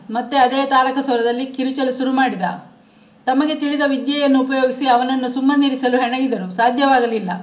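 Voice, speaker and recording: Woman narrator, high register, measured memoir read, echoey room. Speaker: audiobook reader. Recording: roomy echo.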